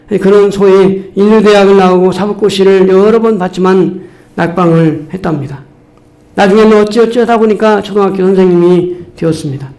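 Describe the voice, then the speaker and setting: A male pastor delivering a sermon to his congregation, telling a story and rising to loud, emphatic exhortations. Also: high-pitched.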